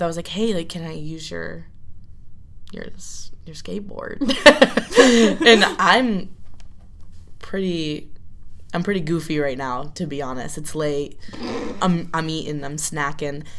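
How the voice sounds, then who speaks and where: A young woman co-hosting a casual chat, telling rambling stories with frequent laughs and fillers. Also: low-pitched. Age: young adult. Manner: rambling, giggly storyteller. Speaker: co-host.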